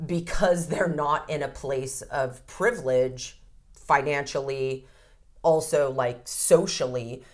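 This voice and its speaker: A woman in her fifties who works as a codependency counselor and ceremony guide speaks frankly and reflectively in a podcast interview, now and then dropping a casual swear word. Her pitch is extremely low and her pace slow.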